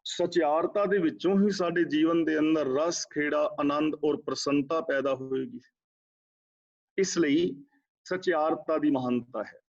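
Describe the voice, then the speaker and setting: A man giving a scripture exposition class, chanting verses slowly and explaining them in a measured way. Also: on the high side, fairly even intonation, gravelly. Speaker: Sikh scripture teacher. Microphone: video call. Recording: dull lo-fi online class audio.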